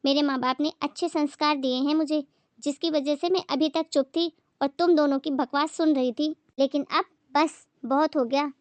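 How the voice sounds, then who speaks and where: A woman's voice: high voice, fairly even intonation, normal speed, no room sound, natural voice. A woman voicing a patient young daughter-in-law who speaks politely but firmly, in a moral story drama. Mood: indignant. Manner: polite, firm.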